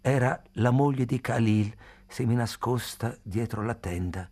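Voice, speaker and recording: A man reading a novel aloud in a measured, even narration. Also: medium pitch. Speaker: reader. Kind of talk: scripted audiobook narration.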